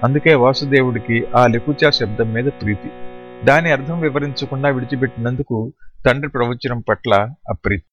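A man narrating a storybook in a steady, explanatory storytelling manner. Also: mid-range voice, moderate pace, highs cut off, soft background music. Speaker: audiobook narrator. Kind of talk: scripted narration.

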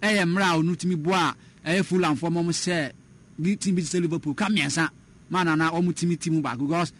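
A man's voice: fairly high pitch, fairly even intonation, fast talker, a bit bright. A man talking football as a pundit, switching between Twi and English, with frequent fillers and restarts. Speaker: sports pundit. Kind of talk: radio sports discussion.

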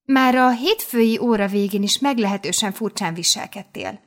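A woman's voice: mid-range voice, lightly acted. A woman voicing a fussy, condescending female history teacher in an audiobook. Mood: patronizing. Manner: patronizing, mock-concerned. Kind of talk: audiobook character voice.

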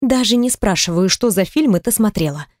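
A woman's voice: mid-range voice, animated, a little fast, dry recording, studio quality, lightly acted. A woman voicing a shy, tired young woman who is easily embarrassed. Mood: weary, embarrassed. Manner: weary, embarrassed, soft. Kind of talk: audiobook character reading.

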